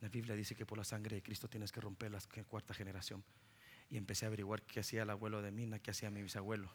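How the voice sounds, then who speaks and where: A middle-aged man from Guatemala with a Guatemalan Spanish accent, preaching a sermon as pastor, telling stories that swing from loud preaching to soft, low asides. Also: flat delivery, quick pace, slight background noise.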